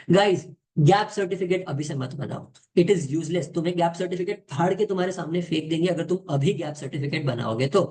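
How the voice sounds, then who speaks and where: A man's voice: on the high side, darkish tone. A young man, giving an informal, direct lesson to viewers and switching between Hindi and as he explains. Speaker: exam coaching tutor.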